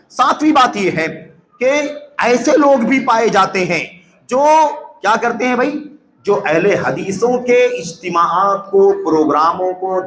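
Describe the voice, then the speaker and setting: High-voiced preacher in an echoey hall. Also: male voice. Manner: emphatic, rising to loud exclamations, rhetorical questions. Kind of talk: Urdu sermon lecture. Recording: echoey hall with faint ambience.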